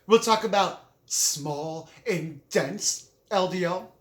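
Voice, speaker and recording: A man's voice: sits high, slow, a bit bright. A man casually vlogging while he eats, talking with his mouth full in a rambling, enthusiastic way and often correcting himself. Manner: talks with his mouth full, chewing between phrases. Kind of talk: casual vlog talk while eating. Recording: echoey room.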